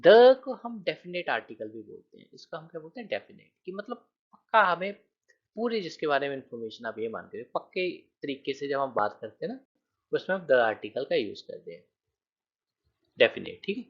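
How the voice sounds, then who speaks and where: A man's voice: fairly high pitch, sing-song, fairly quick, breathy edge, lo-fi sound. A man teaching a grammar lecture, explaining with counted examples and often checking that students follow.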